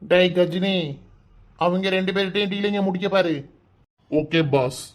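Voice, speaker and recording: In this cartoon voice acting, a man plays a gruff kidnapper in a gang, bossy and threatening, snapping out orders and threats in a Kanyakumari Tamil accent. His natural-sounding voice sits high, with a steady tone at a moderate pace.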